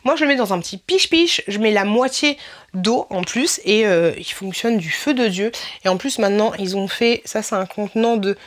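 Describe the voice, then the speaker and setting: A woman's voice: medium pitch, moderate pace. Woman vlogger, casual product review, chatty and informal, frequent laughs, talks straight to the viewer. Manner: chatty, informal, laughs often, many fillers and repeats; addresses the viewer as tu.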